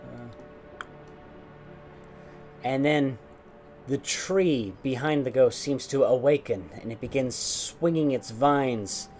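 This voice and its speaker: A man narrating a tabletop game as game master in a measured, descriptive way. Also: medium pitch, a little mellow, faint music behind.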